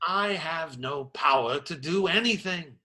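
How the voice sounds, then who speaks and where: An actor playing a wary, wry, reluctant friar in a radio play. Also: male voice, a little high, unhurried, sharp tone. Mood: wary, protesting.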